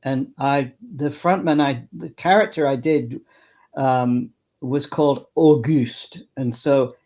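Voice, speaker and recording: A man's voice: mid-range voice, slow, a little mellow. An older man, a clown performer, reminiscing in an interview in a rambling way, with many halts and restarts.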